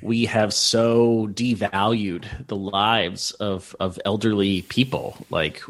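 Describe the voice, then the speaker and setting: A man's voice: lowish voice, slow pace. A man co-hosting a film podcast, talking in an eager, rambling way with lots of fillers. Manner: enthusiastic, rambling, animated. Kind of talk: casual film discussion.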